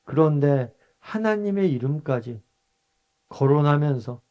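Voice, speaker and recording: Korean pastor teaching a Bible study. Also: male voice, fairly high pitch, animated, unhurried, mellow, highs cut off. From Busan, South Korea. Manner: conversational, asks the group questions and answers them himself; acts out short quoted lines in a raised voice.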